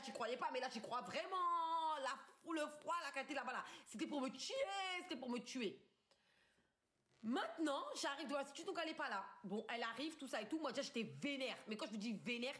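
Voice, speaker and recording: Her high-pitched, fairly bright voice moves quickly and animatedly as this French woman in her twenties tells an angry story on a bedroom live stream. Slang and curses fill the rant, captured by a phone camera.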